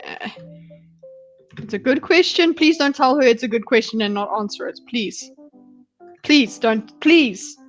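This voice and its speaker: A woman's voice: fairly high pitch, expressive, a little slow, long pauses, faint music behind. A woman hosting a livestream, reacting to a debate clip with blunt, exasperated, pleading asides and some swearing. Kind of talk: casual reaction commentary.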